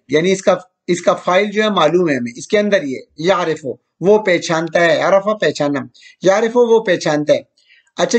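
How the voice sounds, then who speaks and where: In this recorded grammar lecture, a man whose voice sits well above the usual male range teaches at an even, patient pace. He poses questions to his listeners and answers them himself, reading each example slowly, drawing out the Arabic examples deliberately, and often pausing with "theek hai" to make sure they're following.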